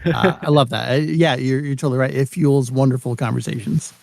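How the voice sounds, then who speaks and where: A man's voice: medium pitch, fairly even intonation, brisk, vocal fry, a little mellow, no echo, studio quality. A man on a fan podcast panel, chatting animatedly and laughing. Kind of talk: casual chat.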